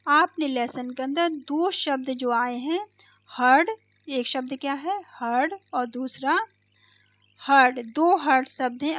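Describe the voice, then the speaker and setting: High-voiced woman teaching slowly. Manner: reads English lines slowly, then explains in Hindi, often adds "ठीक है". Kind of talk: school lesson explained in Hindi. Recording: dull, lo-fi recording.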